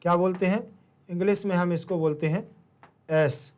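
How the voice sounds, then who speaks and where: High-voiced male teacher lecturing. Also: steady tone, moderate pace, a little mellow. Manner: asks students questions then answers them; calls listeners "beta". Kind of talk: classroom lecture.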